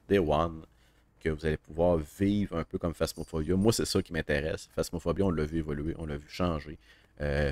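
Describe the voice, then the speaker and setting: A man's voice: a bass voice, no room sound. A man with a Québécois French accent, a horror game streamer giving a casual, thoughtful review with many hesitations. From Quebec. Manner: thoughtful, halting, many fillers.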